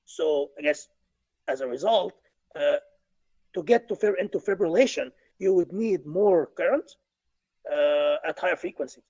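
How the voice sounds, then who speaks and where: A man's voice: on the high side, expressive, moderate pace, a little mellow. A man, explaining technical points on a video call from a home office, with frequent restarts. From Egypt. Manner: explanatory, many restarts and fillers. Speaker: guest engineer. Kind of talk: webinar discussion. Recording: dull lo-fi video call audio.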